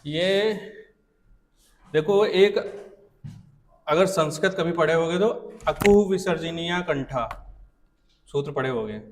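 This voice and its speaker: A man's voice: fairly high pitch, slow pace, pauses often, big-room sound, slight background noise. A male teacher giving a classroom lecture, saying sounds aloud to show them and often asking whether the students follow.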